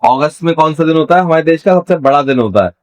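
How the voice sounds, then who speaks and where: A man's voice: on the high side, expressive, fast, darkish tone, low-quality recording. A young man teaching a casual vocabulary lesson, quizzing and teasing his student in a playful way.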